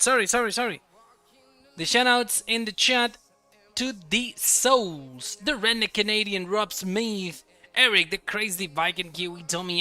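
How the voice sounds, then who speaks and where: A man's voice: sits high, pushed and bright. A man streaming live, chatting casually and greeting his viewers one by one, often repeating words as he talks. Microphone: desk microphone.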